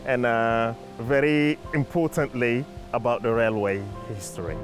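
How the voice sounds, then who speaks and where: A community campaigner whose first language is French speaks in a medium pitch during a documentary interview. His manner is earnest, measured and reflective.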